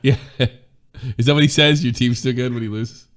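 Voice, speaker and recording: A man's voice: medium pitch, steady tone, fairly quick, a bit bright. A man hosting a gaming stream, giving laid-back, playful play-by-play commentary. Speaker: host and game commentator.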